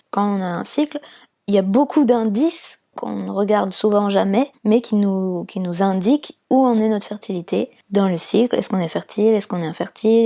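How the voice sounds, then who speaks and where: A woman's voice: mid-range voice, vocal fry, warm tone. A woman from France, a fertility awareness counsellor, explaining her work patiently step by step in an interview, with frequent fillers.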